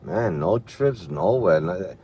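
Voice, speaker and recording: A man's voice: deep voice, animated, slow, dark tone, slightly rough. A man driving for a rideshare app, tired, talking casually and muttering to himself in slangy speech as he streams live from his car. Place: inside a car at night. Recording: faint vehicle noise.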